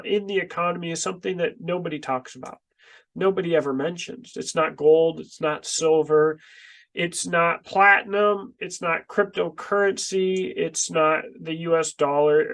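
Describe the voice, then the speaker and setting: A man with a stuffy, congested nose and short breath, talking to camera in a halting, emphatic way as a channel host, close to the microphone. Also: a little high, gravelly, a bit bright. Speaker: online video channel host, small business owner. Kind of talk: casual vlog monologue to camera. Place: indoors in a basement workroom. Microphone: microphone close in front of the face.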